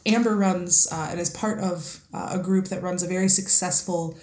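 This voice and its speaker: A woman's voice: fairly low pitch, steady tone, moderate pace, a little mellow, roomy sound. A woman in her late twenties hosting a casual podcast, self-deprecating, swearing freely and laughing often. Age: 20s. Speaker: podcast host.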